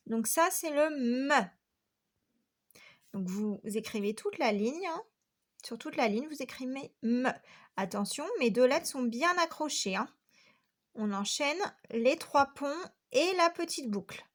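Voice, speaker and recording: A primary school teacher from France gives young children a patient, step-by-step handwriting lesson, counting each stroke aloud. Her voice sits high and sounds animated, and she speaks slowly.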